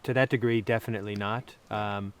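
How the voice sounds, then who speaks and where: A man with a lowish voice talks through anatomy in an easy interview chat. He explains step by step, pausing with fillers as he thinks aloud. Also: fairly even intonation, clear, resonant tone. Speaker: anatomy teacher answering questions. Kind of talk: conversational interview.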